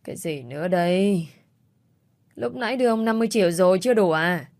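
A woman's voice: fairly low pitch, expressive, a little fast, a little mellow, dry recording, clean studio sound. A woman voicing a cold, sneering young man who speaks in clipped, icy lines in a storybook reading.

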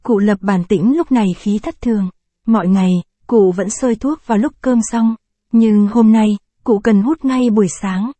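Mellow woman reading a story. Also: medium pitch, no echo. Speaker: story narrator. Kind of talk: scripted narration.

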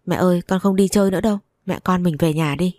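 A woman voicing a small boy who cries and begs to stay with his mother, higher and faster than her own voice. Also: mellow, no room sound, studio quality, close to an everyday voice. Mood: pleading. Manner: pleading, sobbing cries.

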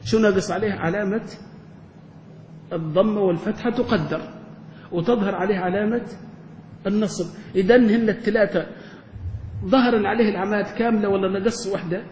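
A man, a sheikh teaching a classroom grammar lesson who keeps quizzing the class and slowly draws out his example phrases. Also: fairly even intonation, a little mellow, muffled recording. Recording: reverberant hall with faint rumble.

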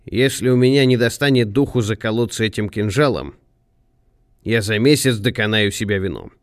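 A man voicing a proud, tormented middle-aged actor who speaks slowly with an icy calm. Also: lowish voice, smooth, no room sound, clean studio sound, close to an everyday voice.

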